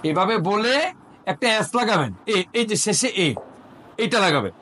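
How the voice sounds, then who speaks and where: A man's voice: high voice, animated, measured pace, sharp tone, a little hiss or hum. A man tutoring a one-on-one language lesson, patiently repeating each word for the learner to echo. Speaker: French tutor.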